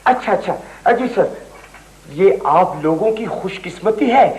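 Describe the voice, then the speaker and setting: An actor playing a flustered, fawning office clerk, in a roomy old TV studio recording. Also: male voice, sits high, lively intonation, unhurried, darkish tone. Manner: obsequious, rattled, endless "ji huzoor". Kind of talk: 1980s TV comedy acting.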